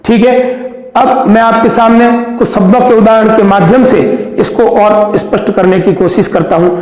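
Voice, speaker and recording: A man teaching a Hindi grammar lesson, speaking slowly and deliberately and drawing out each example word. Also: high voice, fairly even intonation, a little mellow. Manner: slow, deliberate, stretches example words. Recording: very echoey room with long reverb.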